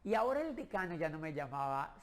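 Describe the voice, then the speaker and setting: A middle-aged man from Colombia, telling his own story in a lively way and acting out the lines of the people in it. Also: on the high side, fast talker. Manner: lively storyteller who acts out quoted dialogue. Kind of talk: animated personal storytelling.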